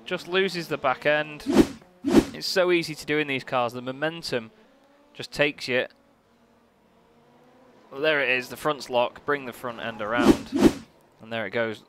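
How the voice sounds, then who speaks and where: A man giving live sim racing commentary as a motorsport commentator, casual, chatty and excitable. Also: medium pitch, a little slow, long pauses. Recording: noisy, car engine sound behind. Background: racing car engines.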